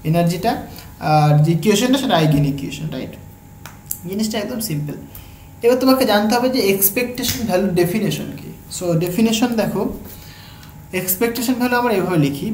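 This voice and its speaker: A woman with a Bengali accent teaching exam-prep physics, explaining each step slowly and often pausing to ask her students whether they follow. Her voice carries a noticeable echo from the room. A faint hum sits underneath. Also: mid-range voice, a little mellow. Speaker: physics tutor.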